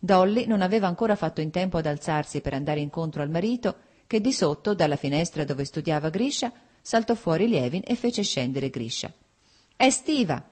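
A woman narrating a classic novel as an audiobook, in a steady, even reading voice. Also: low-pitched, fairly quick, few pauses. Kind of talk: scripted narration.

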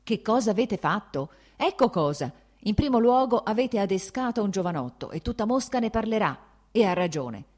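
A woman reading an audiobook, voicing an angry, blustering old prince who shouts and scoffs. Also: mid-range voice, expressive, moderate pace, voice pushed up, close to an everyday voice. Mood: angry shouting. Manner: shouting, scornful, mocking.

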